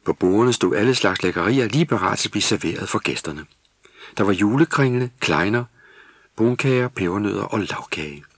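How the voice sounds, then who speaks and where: A man narrating a Christmas children's story in steady, scripted storybook style. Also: lowish voice, breathy edge, dry recording, studio quality.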